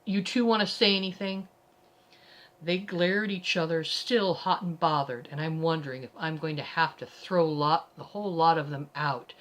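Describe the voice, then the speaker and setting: A woman's voice: deep voice, normal speed, hardly any pauses. A woman reading a first-person story aloud in a brash, conversational manner. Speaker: story reader.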